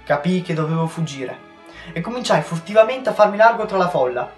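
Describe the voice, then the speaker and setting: A teenage boy, a student reader, reading a novel aloud with measured storytelling, in a roomy recording with faint music. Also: high-pitched, lively intonation. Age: teens.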